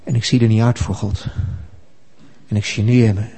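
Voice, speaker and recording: A man voicing an ashamed believer who reproaches himself quietly before God. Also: fairly low pitch, little pitch movement, moderate pace, gravelly, voice pushed down.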